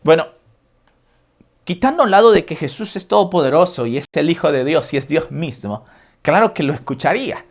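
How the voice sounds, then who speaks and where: A woman's voice: sits low, animated, fairly quick. A woman preacher giving a sermon, retelling a Bible story and asking her listeners rhetorical questions. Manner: addresses listeners as brothers and sisters with rhetorical questions.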